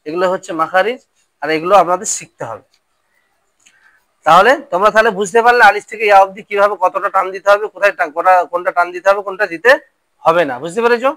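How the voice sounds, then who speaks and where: A man's voice: sits high, fast, pushed and bright, no room sound. A male Quran reading teacher drilling Arabic letter sounds and quizzing pupils in a classroom lesson.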